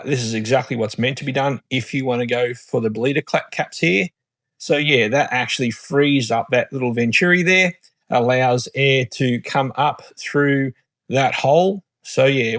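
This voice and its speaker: Man, mid-pitched, easygoing hobby host, chatty workbench commentary, dry close sound. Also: no room sound. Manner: chatty, rambling, many fillers and self-corrections. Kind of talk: casual build commentary.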